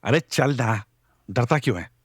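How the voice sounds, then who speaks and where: A man's voice: mid-range voice, lively intonation, measured pace, slight background noise, natural voice. A man voicing a brash young man who brushes off his friend's fears in a horror audio drama. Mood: dismissive. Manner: brushing off worries, casual, teasing.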